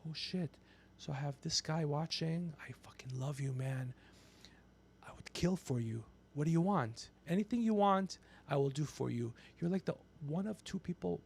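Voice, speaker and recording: Hosting a profane, casual livestream chat, a Persian-background man in his fifties rants brashly and curses freely. His gravelly, slightly rough voice sits on the high side at normal speed.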